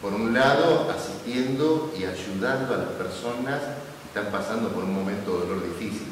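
A man in his fifties with an Argentine Spanish accent, a permanent deacon speaking calmly and reflectively to the camera. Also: fairly low pitch, moderate pace. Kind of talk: spoken testimony to camera. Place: small indoor room with yellow walls. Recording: echoey room, distant mic, noise.

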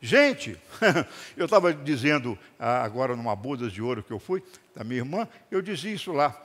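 A man's voice: medium pitch, normal speed. An older man with a Brazilian accent, preaching a sermon to a congregation and telling stories with acted-out dialogue. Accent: Brazilian Portuguese. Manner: lively storytelling with acted-out dialogue and jokes. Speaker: rabbi preaching. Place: congregation hall. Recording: long hall reverb.

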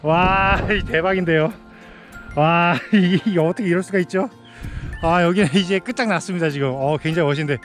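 A man with a fairly high voice hosts a travel vlog from a mountain top. He speaks in formal, polite presenter phrases broken by exclamations of wonder. Soft music plays behind him. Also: brisk. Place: outdoors on a windy mountain top.

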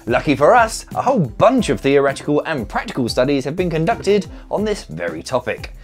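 A man's voice: on the high side, big pitch swings, a little fast, vocal fry, faint music behind. A man narrating a science explainer with playful, wry asides. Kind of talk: scripted narration.

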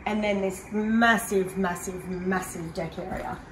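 A woman with a medium-pitched, steady, unhurried voice presents a prize home, upbeat as she walks through the large empty modern house, inside and on the deck, pointing things out. A handheld camera follows at a distance, leaving her voice somewhat far from the mic amid echoey rooms and a little hiss or hum.

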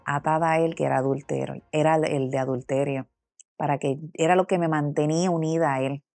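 A woman's voice: deep voice, darkish tone, dry recording, clean studio sound. A woman giving an earnest personal religious testimony, acting out her own past words as she tells the story. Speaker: church testimony speaker.

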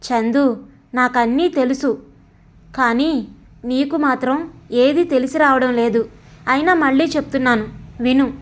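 A woman voicing a gentle, worried middle-aged mother who pleads with and scolds her son in a storybook reading. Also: sits high, close to an everyday voice. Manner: pleading, sorrowful, admonishing.

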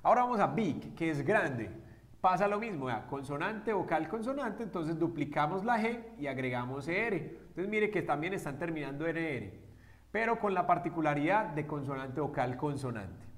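A man's voice: fairly high pitch, lively intonation, moderate pace. A man teaching an English grammar lesson to Spanish speakers, explaining step by step and often checking with short questions. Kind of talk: classroom-style grammar lesson.

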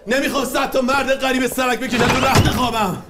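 An actor playing a jealous, possessive husband who argues in a heated, accusing way. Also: male voice, very high voice, steady tone, pushed and bright, a little hiss or hum.

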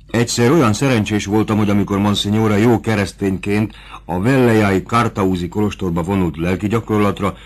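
Brief: loyal ex-coachman, earnest and respectful, low voice, read by a man. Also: natural voice. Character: devoted former coachman, humble man around thirty.

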